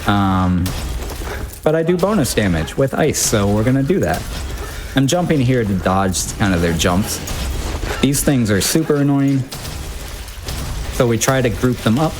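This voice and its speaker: A man's voice: mid-range voice, expressive, measured pace, pauses often, background noise. Casual man commentating his own speedrun. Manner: informal, wry, self-interrupting thinking aloud. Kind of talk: casual live gameplay commentary.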